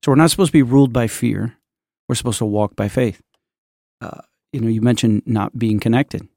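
Gravelly, preacherly podcast host man. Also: mid-range voice, a little fast, darkish tone, dry recording, studio quality. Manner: preacherly, emphatic, builds lists. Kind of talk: casual church podcast chat.

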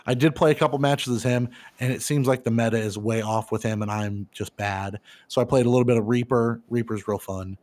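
A man in his thirties co-hosting a casual podcast, laid-back and profane, who gets loud and animated when retelling funny scenes. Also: mid-range voice, brisk, hardly any pauses. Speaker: podcast co-host. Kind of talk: casual chat.

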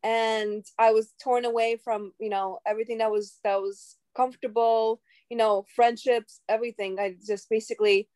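A woman's voice: a little high, flat delivery, moderate pace, few pauses, a little mellow, dry recording. A woman from Russia, a native Russian speaker, talking reflectively as a podcast guest and searching for her words. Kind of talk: casual podcast chat.

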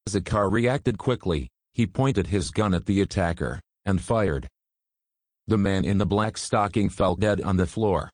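A man narrating a story in an even, steady reading manner. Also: deep voice, a little slow, no echo, studio quality.

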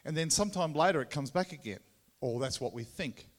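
A man with a Tasmanian Australian accent gives an informal sermon as a visiting preacher, halting and conversational, often repeating his words. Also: on the high side, lively intonation. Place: large room or hall, speaking to a congregation. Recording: echoey hall with long reverb.

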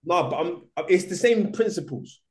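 A man's voice: high voice, lively intonation, normal speed. A man with an urban London street accent in a casual debate, argumentative and slangy, repeating his points.

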